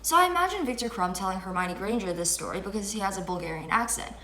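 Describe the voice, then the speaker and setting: Her voice quick, sharp and mid-range with lively intonation, the fifteen-year-old girl hosts a physics lesson, chatty, upbeat and self-deprecating. She sits indoors before a fixed chest-up camera in a small room with window blinds, where the sound echoes and slight background noise is present.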